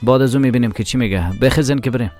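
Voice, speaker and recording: A man with a Tajik accent voicing a hurried young adult son in a dubbed TV drama, brisk and coaxing. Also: medium pitch, darkish tone, faint music behind, natural voice.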